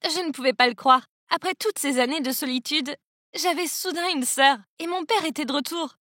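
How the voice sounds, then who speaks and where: A young woman reads a first-person story in a scripted, dramatic way, full of exclamations. Her voice is high, bright and sharp. The recording is very dry and close. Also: normal speed, no room sound. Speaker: narrator.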